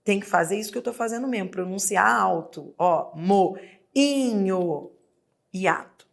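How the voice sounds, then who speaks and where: A woman's voice: medium pitch, fairly quick, creaky, fairly bright tone. A woman teacher with a Brazilian accent giving an exam prep lesson, sounding out words syllable by syllable. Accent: Brazilian Portuguese.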